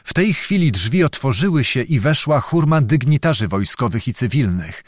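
A man narrating an audiobook in a measured, dramatic storytelling manner. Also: medium pitch, very animated, no room sound, clean studio sound. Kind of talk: scripted narration.

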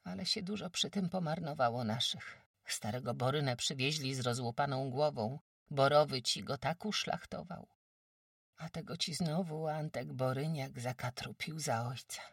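A woman's voice: very deep voice, normal speed, gravelly, husky, no room sound, studio quality, recorded from a distance, voice pushed up, full character voice. A woman voicing a careworn peasant farm wife who talks emphatically in rustic speech, lamenting her troubles. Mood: telling woes. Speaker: farm housewife.

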